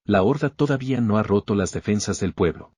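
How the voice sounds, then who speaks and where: Male narrator doing a brash explosives-loving dad, boastful, low husky read, dry sound. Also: lively intonation, brisk, darkish tone, no echo. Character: reckless, cheerful middle-aged father who loves explosives.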